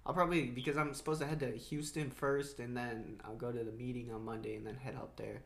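A man's voice: mid-range voice, fairly even intonation, fast, creaky. A man hosting a podcast in casual chat, swearing freely in frat bro slang. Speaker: podcast host. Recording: noticeable background noise.

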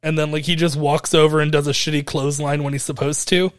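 A man's voice: on the high side, little pitch movement, fast talker, clear, resonant tone. A man co-hosting a podcast, recapping a wrestling event in a rambling, hesitant way with frequent laughs. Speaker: podcast co-host.

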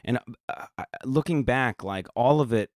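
A man talking candidly as a podcast guest, reflective and halting, with many restarts. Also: medium pitch, darkish tone, dry recording, clean studio sound. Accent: American. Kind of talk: candid casual conversation.

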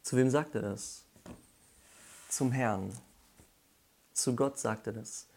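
A man giving a devotional Bible talk, explaining slowly with pauses and correcting himself as he goes. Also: mid-range voice, creaky, a little mellow. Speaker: Bible teacher.

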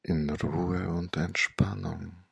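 Very slow, deep, gravelly man, sage-like. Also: steady tone, dry recording, studio quality. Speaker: meditation guide and storyteller. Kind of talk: hypnotic guided meditation storytelling.

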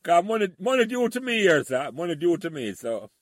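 A man's voice: high-pitched, sing-song, brisk, no echo. Jokey Jamaican man, dry close sound. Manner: jokey, laughs often. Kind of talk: casual chat in patois.

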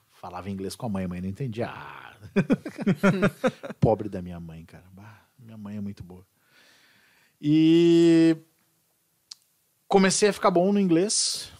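A man, an English teacher chatting casually and animatedly. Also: mid-range voice. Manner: animated, repeats and restarts words. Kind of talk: casual podcast chat.

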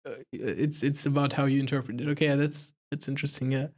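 A man hosting a podcast, asking questions in a casual, hesitant way with frequent pauses and restarts. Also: medium pitch, steady tone, a little mellow. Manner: hesitant, many fillers and restarts. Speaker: podcast host. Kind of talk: casual interview.

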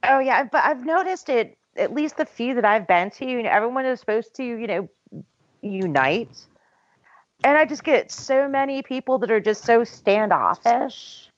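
A woman's voice: a little high, animated, moderate pace, dry recording, lo-fi sound. A woman from New York talking candidly in a casual group chat, with some cursing. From New York, United States.

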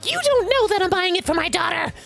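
A woman's voice: very high-pitched, expressive, fast talker, vocal fry, fairly bright tone, faint music behind, voice pushed up, full character voice. A woman voicing an indignant, entitled middle-aged mother who screeches at a store clerk. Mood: furious.

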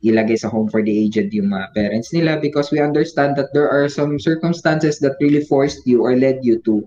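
A man with a Visayan accent hosting a casual podcast chat, chatty and quick to laugh, mixing English into his talk. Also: medium pitch, mellow, lo-fi sound, a little hiss or hum. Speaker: podcast host.

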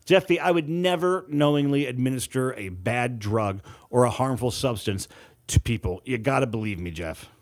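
A man's voice: mid-range voice, expressive, moderate pace, natural voice. A man voicing a tipsy young woman nurse. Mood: pleading.

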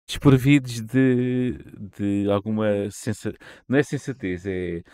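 A man's voice: lowish voice, measured pace, dark tone, clear, resonant tone, no room sound, clean studio sound. A man with a European Portuguese accent chatting casually as a podcast co-host, in a rambling, slangy way that often restarts sentences. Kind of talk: casual chat about the games industry.

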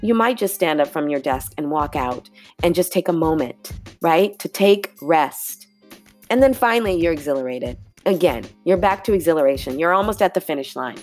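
A woman's voice: sits low, expressive, normal speed, darkish tone, faint music behind. A woman hosting a podcast, talking reflectively and conversationally to listeners, often checking in with "right?" and "y'all.". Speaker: podcast host and yoga teacher. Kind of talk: reflective solo podcast talk.

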